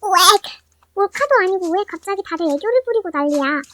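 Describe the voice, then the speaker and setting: A woman's voice: very high-pitched, animated, a little fast, pushed and bright, no echo. A female speaker in a comic skit, talking in a playful, exaggerated way, her voice sped up. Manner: playful, exaggerated tongue-twister delivery. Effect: sped up to 130 percent. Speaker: storyteller voicing her own slime skit. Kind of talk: fast comic skit narration.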